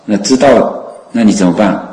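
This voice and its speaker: Man voicing a wise calm sage, slow measured speech, low voice, roomy sound. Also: close to an everyday voice.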